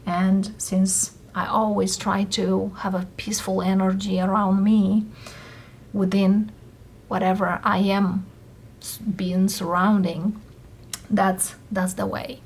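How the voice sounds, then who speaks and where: Slow-paced woman reading tarot, non-native English. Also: medium pitch, flat delivery, a little mellow, breathy edge. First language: not English. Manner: halting, pausing between short phrases. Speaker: tarot reader host. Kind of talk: casual tarot card reading.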